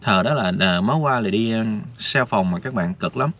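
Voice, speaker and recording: A man's voice: lowish voice, expressive, fairly quick, fairly bright tone. Chatty man. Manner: chatty, addresses viewers directly, rambling. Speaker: vlogger. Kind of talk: casual talk to viewers. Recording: dull lo-fi with faint noise.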